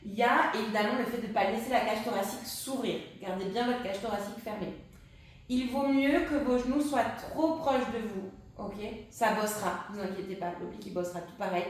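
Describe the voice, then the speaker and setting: A woman's voice: medium pitch, a little fast. A woman teaching a pilates class, guiding breathing and counting repetitions while she does the exercises herself. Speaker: pilates instructor. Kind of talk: guided workout instruction. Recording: echoey room, distant mic.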